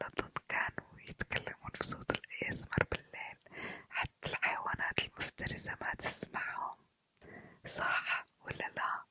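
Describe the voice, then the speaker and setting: A woman chatting in a quiet, hushed late-night ASMR whisper, halting pauses. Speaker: ASMR video creator. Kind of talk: ASMR casual chat, whispered.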